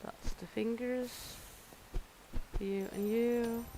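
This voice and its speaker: A woman gives unhurried, drawn-out commentary while she plays a cooking game. Her voice sits a little high, and she talks to herself as she works. She curses at her customers in a teasing way. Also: steady tone, background noise. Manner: grumbling and swearing at customers. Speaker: gamer playing a cooking simulation. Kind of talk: casual gameplay commentary.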